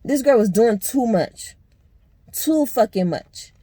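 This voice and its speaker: A woman's voice: a little high, expressive, slow, warm tone, husky, no echo. Blunt, profane young woman telling a story. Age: young adult. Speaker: vlogger. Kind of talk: casual storytime vlog.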